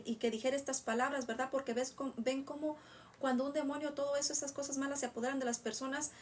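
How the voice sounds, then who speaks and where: A woman Bible teacher with a high voice, recorded from a distance, reads a verse slowly aloud. She then explains it to listeners in casual, rambling asides.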